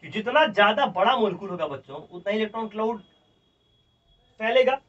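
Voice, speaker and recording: A man's voice: high-pitched, fairly quick. A male chemistry teacher with a Bihari accent lecturing a class, repeating each point and dictating notes word by word. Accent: Bihari Hindi. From India. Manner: repeats points and keeps calling the students children; emphatic, animated explaining, dictating notes word by word. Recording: distant, dull lo-fi classroom audio.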